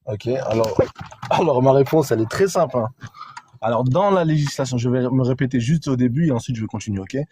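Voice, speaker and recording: A man's voice: medium pitch, mellow, slightly rough. A man calling into a live online debate, explaining his view and tagging points with "hein" and "ok". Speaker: debate caller.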